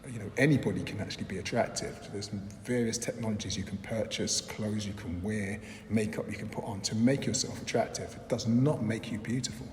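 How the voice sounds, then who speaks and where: Speaking in a low, darkish voice, a London filmmaker and lecturer reflects carefully during an interview, frequently using "um" and restarting his thoughts. The recording carries a roomy echo with long reverb and a faint hiss.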